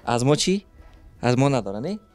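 A man, hosting a street interview with working children and asking them questions in a gentle, coaxing, soothing way full of endearments. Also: medium pitch, very animated, soft background music. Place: street outdoors.

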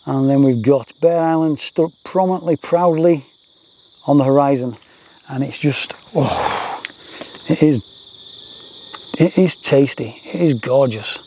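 Mellow man rambling outdoors. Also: fairly high pitch. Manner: chatty, self-deprecating, repeats phrases. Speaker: landscape photographer, vlogger. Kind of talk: casual rambling vlog commentary. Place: outdoors on a grassy rural roadside. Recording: faint outdoor noise with insects.

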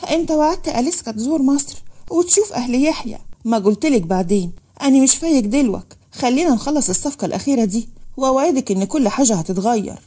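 A woman's voice: high-pitched, lively intonation, fast, mellow, breathy edge. A woman voicing a curt, busy man who brushes things off.

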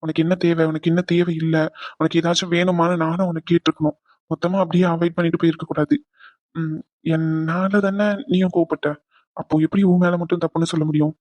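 A man voicing an apologetic young husband in a cartoon drama, talking gently and coaxing. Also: on the high side, level tone, fast, no room sound, close to an everyday voice. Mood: soothing.

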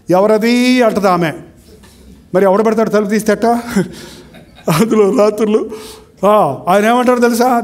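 Man, high-pitched, middle-aged pastor, sermon, rhetorical questions, acted-out quotes. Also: a little mellow.

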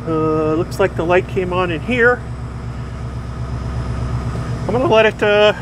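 A man talks through his repair work in a loose, rambling way, stopping for fillers and correcting himself as he goes. His voice sits a little higher than most men's. A steady background hum runs under the whole recording, captured inside an old motor coach. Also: unhurried. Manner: rambling, relaxed, many fillers and self-corrections. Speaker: DIY vlogger restoring a vintage motorhome. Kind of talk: casual thinking-aloud workshop narration.

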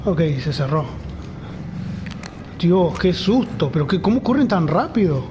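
A man voices his horror game let's play commentary in a high-pitched, sing-song, slightly slow way, muttering to himself in fear and nerves. He's a gamer with a Rioplatense Spanish accent, and the background is noisy.

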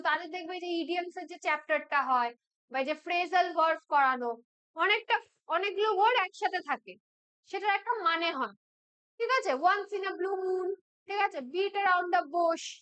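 Woman teacher, west bengal accent, very high voice, explanatory, checks in often. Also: sharp tone. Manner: explanatory, keeps checking in with listeners; says English examples slowly and deliberately. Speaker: spoken English teacher. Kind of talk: classroom-style lesson explanation.

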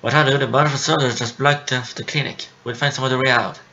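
A man's voice: medium pitch, fairly even intonation, fast talker, bright, forceful tone, highs cut off, a little hiss or hum. A man giving casual commentary as he plays a video game. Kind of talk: casual let's play commentary. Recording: faint game music behind. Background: game music.

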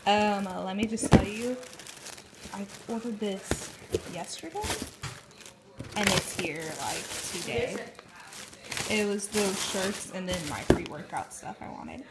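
A woman's voice: medium pitch, slow, pauses often, heavy background noise. A woman vlogging casually, chatting straight to viewers while her voice is going out. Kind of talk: casual vlog chat.

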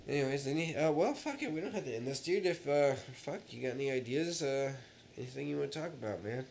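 A man's voice: medium pitch, expressive, fast, creaky, a little mellow, a little hiss or hum. A man with a nasal, stuffed-up voice hosting a casual podcast, rambling and swearing between laughs. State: stuffed up from allergies. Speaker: podcast host. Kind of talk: casual chat.

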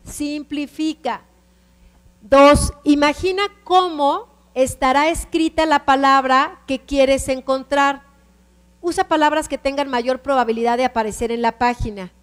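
A woman's voice: sits high, fairly even intonation, normal speed, in a large hall. A woman with a Mexican Spanish accent teaching a computer class, explaining step by step and often checking that the students follow.

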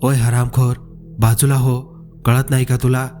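A jittery, hotheaded young truck helper, as a male storyteller puts him on yells out at a stranger in a horror story. The tone stays mellow and dark. Faint music plays underneath. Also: medium pitch, flat delivery, unhurried, lightly acted. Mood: shouting. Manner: pleading, then shouting.

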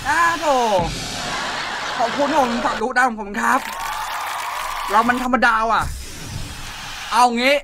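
Young male DJ, high-pitched and excitable, casual live-stream host over loud background music. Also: slow, pauses often, a loud crowd. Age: young adult. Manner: excitable, shouting and laughing, frequent polite particles. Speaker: online voice-chat DJ. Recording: loud music playing behind the voice.

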